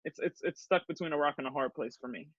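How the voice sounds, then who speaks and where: A woman's voice: low voice, fast, no room sound, lo-fi sound. A woman from Pittsburgh, a newspaper journalist, speaking earnestly and emphatically in a panel discussion, often repeating words as she builds a point.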